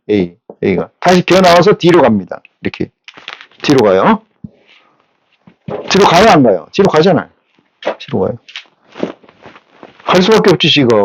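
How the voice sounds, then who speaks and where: Male pastor, sermon; high and very animated, blunt street talk, keeps quizzing the congregation. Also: breathy edge, poor audio. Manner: teaches with rapid rhetorical questions; blunt, coarse colloquial speech.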